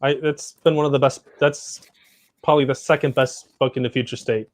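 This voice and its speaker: A man co-hosting a casual comic book chat, answering in a relaxed, brief way. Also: medium pitch, brisk.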